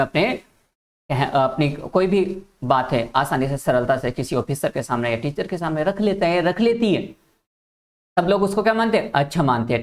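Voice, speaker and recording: A man teaching an exam-prep lecture, reading out questions and options and coaxing his students with quick questions to answer. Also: fairly high pitch. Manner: animated, asks students questions and coaxes them.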